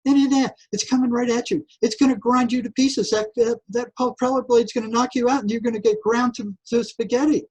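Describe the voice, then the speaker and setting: A man's voice: extremely high pitch, steady tone, fairly quick, few pauses, a little mellow, husky, pitched above the performer's own voice, rough recording. A man voicing a disembodied taunting voice in his head that frantically urges him to panic. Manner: insistent, nagging, frantic.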